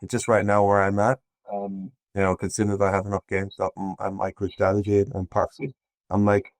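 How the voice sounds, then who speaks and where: A man's voice: on the low side, monotone, a little fast, dry recording. A man from Ireland, a podcast guest talking in a meandering, hesitant way with many restarts. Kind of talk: casual conversation.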